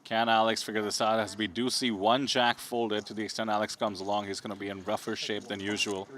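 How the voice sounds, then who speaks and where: A man calling poker play-by-play from a booth, laying out the cards, odds and outs in a measured way. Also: fairly low pitch, little pitch movement, fairly bright tone. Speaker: poker commentator. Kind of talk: live tournament play-by-play.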